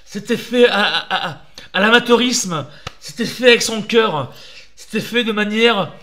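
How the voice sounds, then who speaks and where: Man, very high voice, bright sharp tone, ranting, shouting, swearing. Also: unhurried. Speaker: fan defending a paranormal youtuber. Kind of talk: ranting video.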